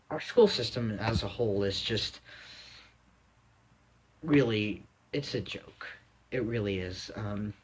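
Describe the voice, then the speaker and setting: A young man from the United States giving a rambling, blunt opinion monologue, full of fillers and restarts. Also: fairly low pitch. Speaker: vlogger.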